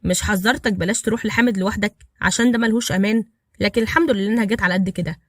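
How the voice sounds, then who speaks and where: A woman voicing a loyal, level-headed male friend with an Egyptian accent, calm and reassuring. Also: mid-range voice, racing, no echo, studio quality, natural voice. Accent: Egyptian Arabic.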